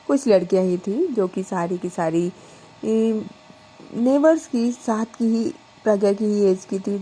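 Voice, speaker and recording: Brief: woman storyteller, unhurried and chatty, dark and husky. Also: mid-range voice.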